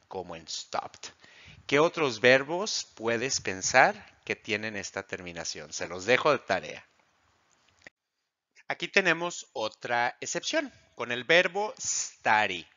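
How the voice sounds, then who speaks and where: Man, grammar teacher, lively up-and-down pitch, dull lo-fi audio. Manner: explains slowly, asks the class questions and answers them himself. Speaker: English teacher. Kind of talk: grammar lesson.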